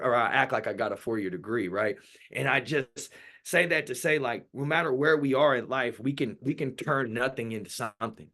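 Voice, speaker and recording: A man's voice: mid-range voice, fairly bright tone. A man in his thirties giving a workshop talk, telling his personal story candidly and loosely, with many fillers and restarts. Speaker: workshop speaker.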